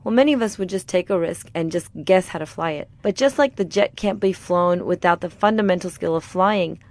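A middle-aged woman hosts a podcast, reading a scripted talk calmly and in a measured way. Her voice sits fairly low and is slightly raspy from a sore throat.

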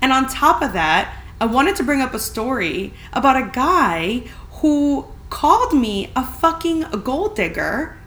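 A woman's voice: high voice, big pitch swings, a little slow, hardly any pauses, fairly bright tone. A woman hosting a casual, chatty solo podcast, talking in a candid, emphatic, informal way in a spacious, echoing apartment. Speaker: podcast host. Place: friend's spacious apartment, indoors. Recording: big echoey room, clear background noise.

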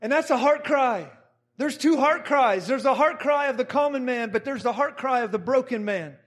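A middle-aged man preaching, telling a story with animated energy and acting out the voices of the people in it. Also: very high-pitched, moderate pace. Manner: animated, acts out quotes of others. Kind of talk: sermon storytelling.

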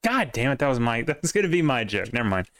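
Man, podcast co-host, animated joker, lively pitch, smooth dry sound. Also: fast, dry recording. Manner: joking, animated banter. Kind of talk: casual chat.

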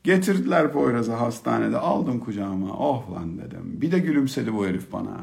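A middle-aged man telling a humorous personal story about being a father, in an expressive, colloquial manner. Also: medium pitch, fairly quick, gravelly. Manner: expressive, humorous, colloquial, swings from hushed to excited. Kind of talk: storytelling talk.

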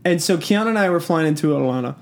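A man from the Southern US, co-hosting a podcast in casual chat, telling stories in an animated way with joking asides. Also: on the high side, fast. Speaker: podcast co-host.

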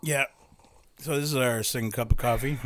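A man's voice: medium pitch, fairly even intonation, moderate pace, slight background noise. A man in his thirties hosting a casual podcast, out of breath and rambling with frequent laughs. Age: 30s. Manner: rambling, laughing, self-mocking. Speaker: podcast host.

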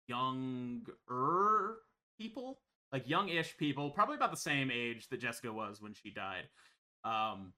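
A man narrating as game master of a tabletop horror game, talking with many pauses and restarts. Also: mid-range voice, sharp tone. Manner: halting, many ums and restarts.

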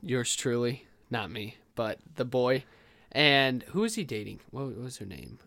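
A man's voice: medium pitch, big pitch swings, measured pace, creaky, bright, forceful tone, slight background noise. A man co-hosting a podcast in casual chat, laid-back and laughing along. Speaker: podcast co-host.

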